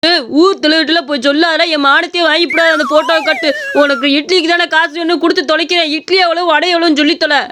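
A woman's voice: very high-pitched, steady tone, quick pace, hardly any pauses, noisy background. A woman voicing a lazy, greedy grown man who is rude and whiny in a cartoon story. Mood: grudging.

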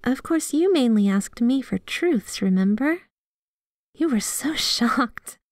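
A woman voices a sweet, devoted, jealous yandere girlfriend in a scripted, one-sided ASMR roleplay, affectionate and playfully possessive with a fondly nostalgic mood. Her fairly high voice is expressive, slow, and darkish in tone. The studio-quality recording is dry.

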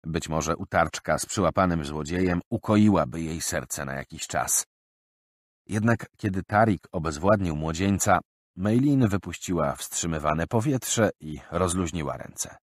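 Lively man narrating an audiobook. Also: sits low, unhurried, no echo, studio quality. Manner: animated, expressive reading.

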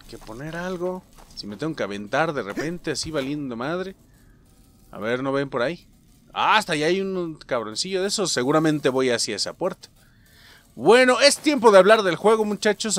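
A man's voice: on the high side, a bit bright. A man with a Mexican accent doing let's play commentary as a gaming channel host, joking, swearing freely and talking to his viewers like buddies. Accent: Mexican Spanish.

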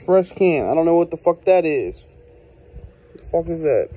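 Man, slightly high pitch, mellow tone, blunt, profane, exasperated, casual phone-recorded review, indoors. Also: sing-song, normal speed, poor audio. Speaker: product reviewer. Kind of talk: casual handheld video rant. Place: indoors at a desk. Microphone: handheld phone.

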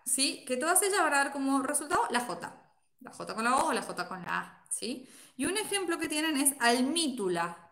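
A woman's voice: high-pitched, fairly bright tone, roomy sound. A woman teacher giving a live class lecture, explaining step by step and checking in with her students with a frequent "right?".

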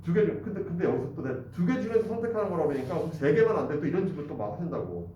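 A man's voice: fairly high pitch, very animated, rapid-fire, warm tone. A man giving a casual spoken English lesson, repeating and drilling phrases aloud. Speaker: English teacher. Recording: distant, roomy, dull and noisy.

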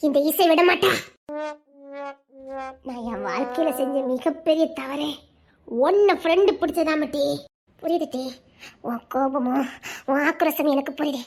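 A woman voicing a young cartoon best friend who consoles in a mock-soothing, teasing drawl, lower and softer than the heroine. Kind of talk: cartoon voice acting.

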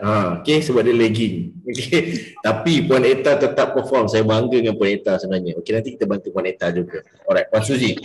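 A man's voice: mid-range voice, echoey room, low-quality recording. A Malaysian man running an interactive business coaching class, mixing English into Malay and quizzing his students by name.

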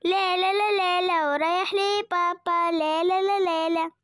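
A woman's voice: very high voice, fairly even intonation, normal speed, heavy background noise. A woman with an Egyptian accent voicing a scared but defiant little dog boy in a children's cartoon. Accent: Egyptian Arabic. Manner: whiny, defiant.

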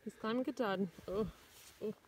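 A woman's voice: medium pitch, brisk. Chatty woman vlogging on a trail. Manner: relaxed, chatty, with many fillers. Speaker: thru-hiker vlogger. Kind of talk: casual hiking vlog. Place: outdoors on a mountain trail. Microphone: phone held at arm's length. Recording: noisy outdoor phone recording.

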